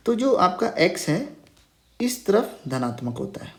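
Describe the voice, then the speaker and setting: A man's voice: sits high, sing-song, unhurried, creaky, a bit bright. A man teaching a math lesson, patiently repeating key terms as questions and checking in with "okay" after nearly every phrase. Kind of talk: Hindi math lesson over a whiteboard. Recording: roomy echo.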